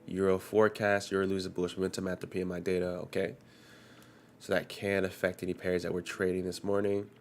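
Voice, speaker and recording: The voice sits low, with slight background noise, belonging to a young man streaming live forex trading. He talks casually as he gets over a cold, coughing now and then. He goes over the day's economic news, reading headlines aloud in a loose, conversational style.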